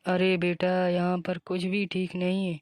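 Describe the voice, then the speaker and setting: A woman's voice: fairly low pitch, measured pace, dry recording, clean studio sound, lightly acted. A woman voicing an anxious, pleading older mother-in-law in a cartoon. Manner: pleading, flat even delivery. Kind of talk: cartoon voice acting.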